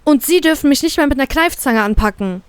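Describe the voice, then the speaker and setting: A woman's voice: high-pitched, lively intonation, fast talker, no echo, pitched above the performer's own voice. A woman voicing a frightened, defiant young woman held captive, who stammers as she speaks. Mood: fierce panic. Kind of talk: fanfiction audiobook reading.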